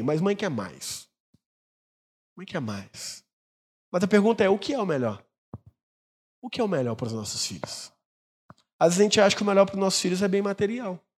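A male pastor preaching a sermon, telling stories and acting out the people in them. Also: high-pitched. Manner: storytelling, acts out quoted dialogue. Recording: long church reverb.

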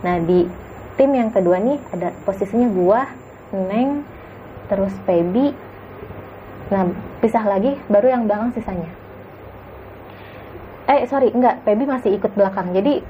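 Woman telling a hushed spooky tale. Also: medium pitch, dull audio, a little hiss or hum. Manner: hushed, suspenseful retelling with acted quotes. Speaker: guest storyteller. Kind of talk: casual story of a spooky hike.

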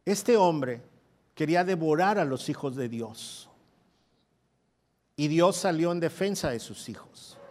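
High-voiced preacher. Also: male voice. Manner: asks the congregation direct questions; reads scripture aloud with rising force. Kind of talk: sermon.

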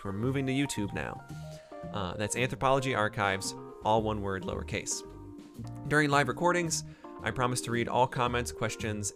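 A man with a mid-range voice hosts a casual book review podcast as an anthropology professor, recording live from his home library. He's chatty and digressive, with frequent ums and uhs.

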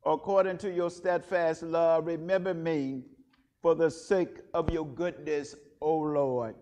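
A man leading a church service, intoning prayers and reading scripture in a measured, solemn way, with a cathedral echo around his voice. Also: a little high, fairly even intonation, warm tone, a little hiss or hum. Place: large church. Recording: long echoing church reverb.

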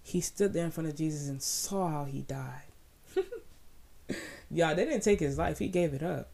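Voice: mid-range voice, a little fast, gravelly, a little mellow. A speaker giving a casual devotional Bible talk, fervent and repeating phrases for emphasis.

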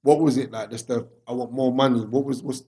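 A man of medium pitch with a very mellow, dark tone speaks in a South London accent. He interviews in a casual, chatty way, using street slang. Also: steady tone, a little fast.

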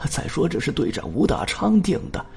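Man playing a tired poor village father, soft and low, sighing, gravelly. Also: big pitch swings, brisk, exaggerated voice. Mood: resigned. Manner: pleading, sighing, patient.

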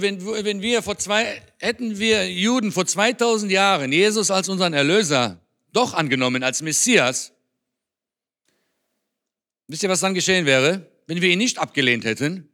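A man's voice: sits high, expressive, normal speed, bright, forceful tone. A German-born man giving an earnest, conversational sermon in a church. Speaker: speaker on Israel at a church.

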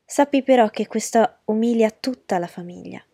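A woman's voice: fairly high pitch, moderate pace, creaky, dark tone, breathy edge, no room sound. A woman voicing a spiteful boy cousin who taunts and whines, in a storybook reading. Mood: taunting. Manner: jeering, whining.

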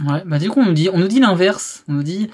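A man with a somewhat raised pitch joins a casual conversation. He keeps his contributions short, dropping in quick remarks and questions. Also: animated, husky. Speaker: conversation partner. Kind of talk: casual chat.

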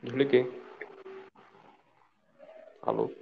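A man's voice: extremely slow, phone-quality sound. A man testing a call connection, his voice faint and cutting out as he keeps checking the line. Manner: repeatedly checking the line with "hello?". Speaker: podcast co-host. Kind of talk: casual chat.

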